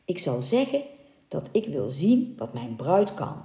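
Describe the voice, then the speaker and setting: A woman voicing a gentle, decisive young prince in a read-aloud fairy tale. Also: sits low, sing-song, a little slow, echoey room, full character voice.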